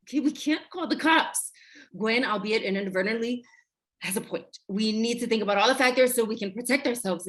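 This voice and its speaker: Actress as a bossy mom, commanding, scolds swearing, fairly high voice. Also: female voice, close to an everyday voice. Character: bossy mother who takes charge and scolds swearing. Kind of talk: stage play.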